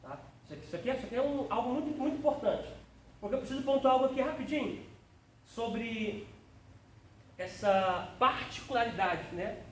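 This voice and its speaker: This pastor speaks fairly quickly in an extremely high, expressive voice while teaching a theology class. Calling on people by name, he preaches with exclamatory fervor. The church classroom sounds roomy, the mic is distant, and there's faint noise.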